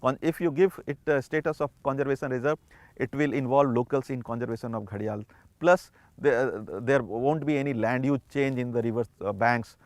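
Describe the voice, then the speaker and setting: A man with an Indian accent speaking haltingly as a conservationist in a documentary interview. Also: medium pitch, fairly even intonation, dry recording. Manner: halting, hesitant delivery.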